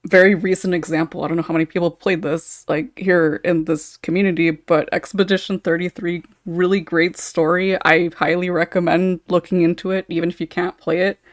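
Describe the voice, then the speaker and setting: Panelist, mid pitch, dry close mic, easygoing and talkative. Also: a little fast, few pauses, no echo. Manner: relaxed, chatty, laughs between thoughts. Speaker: podcast panelist and ASMR writer. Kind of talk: casual podcast chat.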